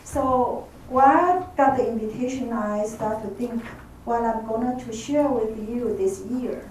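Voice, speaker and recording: Her voice slightly high and somewhat mellow, this professor speaks at a measured pace during a semi-spontaneous conference talk, her Taiwanese accent clear. She hesitates and repeats phrases while finding her words, and the distant mic picks up room echo and faint noise.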